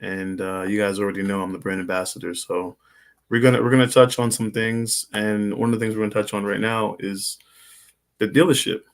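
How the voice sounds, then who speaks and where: A podcast host with a lowish, steady voice speaks briskly while running a casual livestream interview. He's laid-back and friendly with viewers, giving listeners shout-outs.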